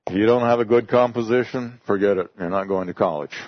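Talking fast in a fairly low voice, this missionary, an English speaker from birth, shares stories of his work with a congregation in a homey, conversational way. The lo-fi recording sounds dull and has no echo.

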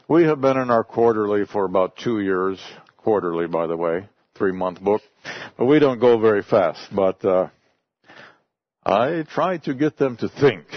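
On a dry, dull lo-fi recording, a lowish-voiced man whose first language is English speaks to a congregation as a missionary, recounting his work through folksy, chatty stories.

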